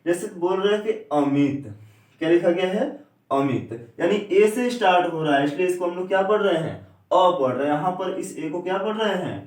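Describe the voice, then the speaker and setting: A man teaching an English pronunciation lesson. He keeps asking questions and answering them himself, and he slows down to spell out vowel sounds. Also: high-pitched, darkish tone. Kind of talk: classroom lecture. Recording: echoey room, a bit far from the mic.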